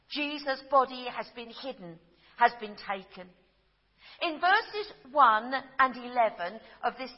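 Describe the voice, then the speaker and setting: A woman giving a gentle storytelling sermon. She tells simple stories and grows soft and slow at the tender moments. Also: a little high. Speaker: preacher. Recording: dull sound with long hall reverb.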